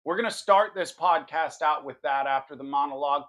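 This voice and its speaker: A man's voice: fairly high pitch, a little fast, fairly bright tone. A man hosting a political podcast, delivering commentary in an emphatic, combative manner. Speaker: podcast host.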